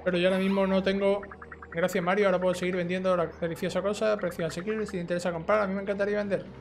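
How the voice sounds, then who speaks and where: A young adult gaming YouTuber with a Spanish accent chats informally through a let's play, reading game dialogue aloud over video game music. His voice is high-pitched, his delivery flat and very fast.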